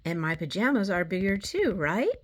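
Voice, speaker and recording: A woman's voice: medium pitch, big pitch swings, normal speed. A woman voicing an earnest little boy who explains himself politely in a storybook reading. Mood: cheerful.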